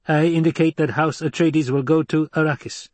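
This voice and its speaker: In a dry recording, a man with fairly even intonation and normal speed, close to an everyday voice, acts a character in an audiobook. He plays a clever, supercilious male adviser, laying out schemes in precise, formal, higher-pitched exposition with a coolly analytical mood.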